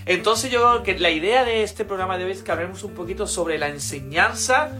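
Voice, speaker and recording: A man's voice: sits high, expressive, a little fast, pushed and bright, faint music behind. A man hosting a talk show, chatty and informal, with many fillers and questions. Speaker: host.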